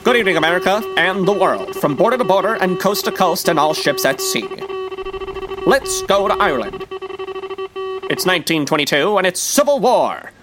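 A man's voice: high voice, sing-song, normal speed, loud music behind the voice. A man narrating history segments in a comic mock-newsreel announcer style, dry and wry. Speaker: radio show host.

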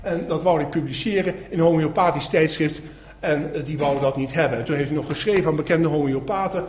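A man giving a public lecture with slides, animated and sarcastic, acting out the people he quotes. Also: fairly high pitch, brisk. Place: lecture hall. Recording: echoey hall, faint noise.

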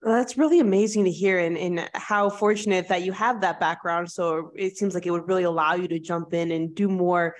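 A woman hosts a podcast interview with a slightly low voice. She introduces her guest and frames her questions in a smooth, upbeat manner. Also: fairly even intonation, fairly quick, few pauses. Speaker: podcast host. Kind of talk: interview hosting.

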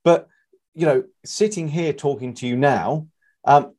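Mellow-voiced man interviewing, halting delivery. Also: on the high side. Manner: halting, roundabout questioning with many hedging asides. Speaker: interviewer, host. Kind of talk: conversational interview.

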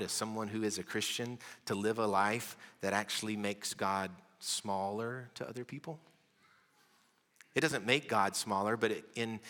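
A male pastor, preaching a sermon with storytelling, dramatic pauses and humor. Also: lowish voice, sharp tone. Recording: long hall reverb.

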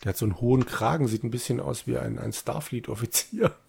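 Gravelly man chatting while playing a game. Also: medium pitch, quick pace, a little mellow. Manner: chatty, typing commands aloud. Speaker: player. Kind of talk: casual let's-play chat.

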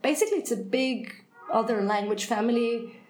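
A Hungarian woman who heads an English department appears as a guest in an unscripted English conversation, speaking thoughtfully with frequent hesitations and self-corrections. Her voice is fairly high with a darkish tone at a moderate pace. The room is echoey, with faint noise and faint background music.

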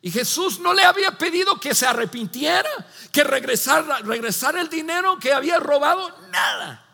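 A man delivers a sermon in a high, bright voice with some gravel in it, and his words ring out in a hall with long reverb. He tells the story with energy, acting out the characters and restarting his phrases often. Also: fairly quick. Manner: animated storytelling, acts out voices, many restarts. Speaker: pastor.

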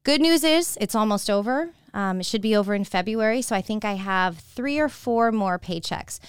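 Candid woman host with a crisp voice. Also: medium pitch, lively intonation, normal speed, no room sound, clean studio sound. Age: 40s. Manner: candid, confiding, with frequent restarts. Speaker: podcast host. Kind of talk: casual solo podcast monologue.

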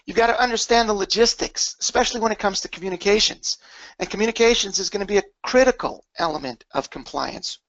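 A man's voice: high voice, fast talker, fairly bright tone, no echo, highs cut off. A man giving an emergency preparedness webinar, emphatic, stressing words and stacking up lists. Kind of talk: webinar presentation.

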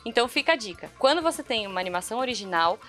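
Her voice sits on the high side and sounds a bit bright, very animated, and racing. A Brazilian Portuguese-accented woman hosting a podcast, she gives chatty, informal explanations directly to listeners while music plays behind her.

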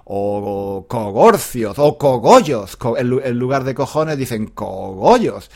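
Unhurried Spanish man, repeats himself. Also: mid-range voice, animated, darkish tone. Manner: unhurried, many fillers and repetitions, chuckles often. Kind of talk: casual explanatory lesson.

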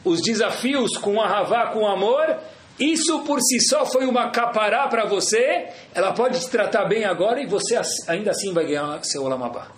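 A man voicing a wise, revered old rabbi who gives counsel calmly and instructively. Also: high voice, normal speed. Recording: echoey room.

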